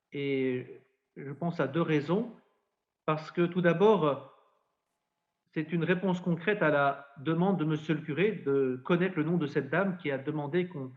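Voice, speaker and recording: A male priest recounts a story in a podcast conversation, with a slightly higher voice for a man. He narrates at length and brings quoted lines to life. The sound is dull and lo-fi. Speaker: priest and spiritual adviser.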